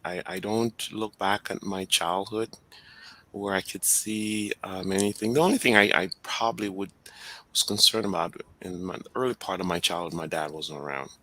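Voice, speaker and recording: A man from Jamaica reflecting slowly on his upbringing as an interview guest, with many fillers and restarts. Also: low-pitched, bright, forceful tone, a little hiss or hum, poor audio.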